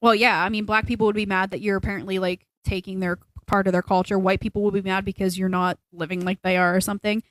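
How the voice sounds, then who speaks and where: A woman's voice: mid-range voice, little pitch movement, fast, few pauses, no echo, poor audio. A young woman co-hosting a podcast, talking in a casual, opinionated and rambling way, pressing her points with emphasis. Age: young adult. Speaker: podcast co-host. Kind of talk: casual chat.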